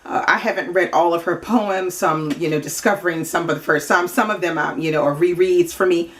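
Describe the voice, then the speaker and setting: A woman's voice: on the low side, fairly quick. A woman book vlogger talking casually to the camera at home, chatty, with many asides and fillers.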